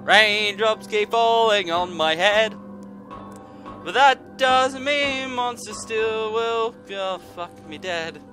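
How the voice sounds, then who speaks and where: A man's voice: sits high, lively intonation, takes it slowly, bright, forceful tone. A man streaming a horror game with jumpy, scared, sarcastic commentary full of swearing and exclamations. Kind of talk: casual, profane let's-play commentary. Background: game music.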